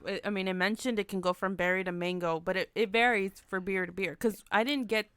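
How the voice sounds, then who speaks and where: A woman's voice: mid-range voice, fairly even intonation, a little fast, fairly bright tone, smooth, dry recording. A woman co-hosting a casual beer podcast, reading out hop facts with many restarts and corrections. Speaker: podcast co-host. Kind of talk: casual chat.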